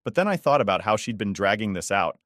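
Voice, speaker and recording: A young man tells a first-person story in a loose, conversational way, with a tone of exasperation. His voice sits fairly low, and the recording is dry and close. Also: sing-song, fast, fairly bright tone, dry recording. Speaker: narrator.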